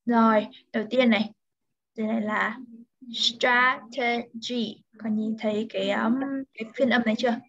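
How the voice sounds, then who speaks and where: A woman tutoring a pupil one-on-one in English vocabulary, saying each word slowly and carefully for the pupil to repeat. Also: a little high, little pitch movement, lo-fi sound. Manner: slow, careful word-by-word pronunciation modeling.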